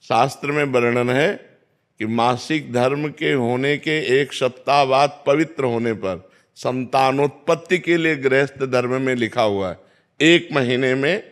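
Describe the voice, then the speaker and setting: A man giving a devotional discourse as a spiritual teacher, calm and measured, instructing listeners and quoting scripture. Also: medium pitch. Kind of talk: devotional discourse answering questions.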